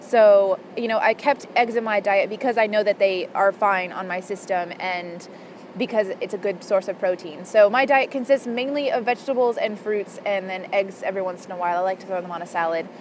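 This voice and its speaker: A woman's voice: mid-range voice, fairly even intonation, a little fast. A young woman chats casually to camera in a rambling, informal way, speaking into the mic on her earphones outdoors. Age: young adult. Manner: informal, rambling, frequent "like" and "you know". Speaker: vlogger. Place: outdoors in an urban park. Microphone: earphone mic used as microphone. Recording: outdoor background noise, headphone mic.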